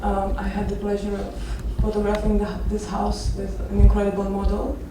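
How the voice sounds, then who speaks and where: At a conference, this woman in her thirties from Romania, an architecture photographer, shares personal stories in a relaxed, hesitant way. Her voice is mid-range at a normal speed, recorded from afar in a reverberant, noisy space.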